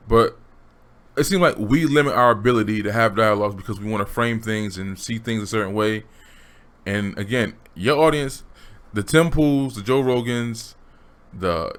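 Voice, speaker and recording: A man's voice: on the low side, a bit bright. A man giving blunt, slangy opinion commentary straight to his viewers. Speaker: commentary vlogger.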